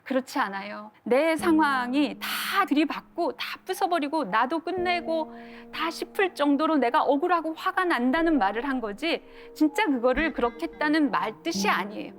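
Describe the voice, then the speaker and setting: A woman's voice: high-pitched, expressive, normal speed. A middle-aged woman lecturing to an audience, telling stories earnestly and acting out the quotes. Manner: earnest storytelling with acted-out quotes.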